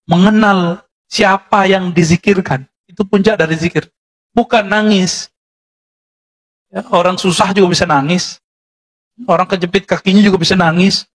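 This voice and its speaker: A man with a high-pitched voice delivering a sermon with an Indonesian accent. He lectures in a conversational way and keeps turning to his listeners with short tag questions. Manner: conversational lecturing, addresses listeners as Pak, frequent "ya" tags. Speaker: Islamic preacher.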